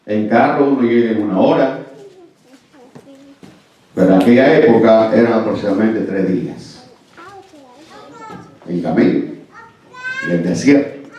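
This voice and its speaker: A man's voice: lowish voice, measured pace, long pauses, warm tone. A man from El Salvador, preaching a sermon as a pastor, emphatic and often asking "amén" and "¿verdad?". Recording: very echoey, distant, muffled church recording.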